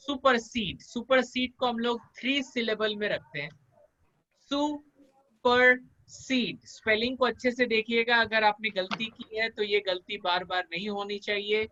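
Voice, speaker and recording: A man teaching vocabulary in a live online class, drilling pronunciation by slow repetition and calling on students by name. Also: high-pitched, pushed and bright, lo-fi sound. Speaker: spoken English teacher. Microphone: video call.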